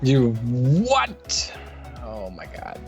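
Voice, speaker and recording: A man's voice: mid-range voice, wildly swooping pitch, very slow, highs cut off, soft background music. A man co-casting a live strategy game match, laid-back and full of joking banter. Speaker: esports co-caster. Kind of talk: casual live game commentary.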